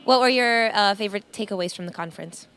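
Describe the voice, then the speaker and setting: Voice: mid-range voice, fast, fairly bright tone, clean tone, faint music behind. An interviewer asking brief, direct questions at a conference.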